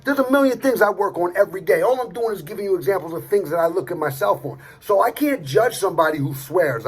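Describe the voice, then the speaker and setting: A middle-aged motivational speaker delivers a blunt, streetwise monologue to camera, swearing at times and repeating himself. His voice is high with a breathy edge.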